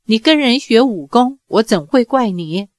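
A woman voicing a young swordswoman mistress in an audiobook, soft, tremulous and reproachful. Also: medium pitch, lively intonation, unhurried, no echo, lightly acted. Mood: sorrowful. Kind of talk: audiobook character reading.

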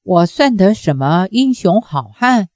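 A woman's voice: mid-range voice, very animated, unhurried, darkish tone, no echo, studio quality. A woman voicing an old male monk, a former fighter, who mutters in confusion over revenge. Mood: troubled. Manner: muttering, troubled.

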